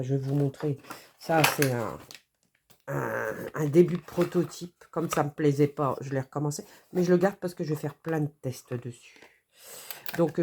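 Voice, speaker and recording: A French-accented woman who has a cold hosts a casual craft tutorial, rambling with many hesitations and self-corrections. Her voice sits low and is mellow, with slight background noise.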